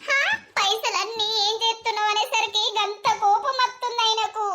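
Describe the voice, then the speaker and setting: A woman's voice: extremely high pitch, steady tone, moderate pace, sharp tone, a little hiss or hum. A woman voicing a hurt village housewife who speaks in a plaintive, aggrieved way.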